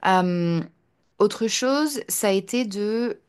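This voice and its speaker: A woman's voice: medium pitch, lively intonation, very slow, clean tone. A young woman, a language teacher, talking casually to the camera. She hesitates often and switches between French and English, repeating her points in translation. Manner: chatty, with frequent hesitations and fillers. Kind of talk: casual personal talk to camera.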